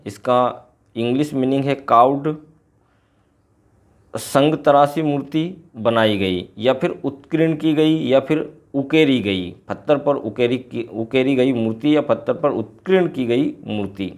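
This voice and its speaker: A slightly mellow male voice at middle pitch belongs to an English teacher covering a poem's glossary in a lesson. Word by word, he repeats each term slowly and then explains it in English and in Hindi.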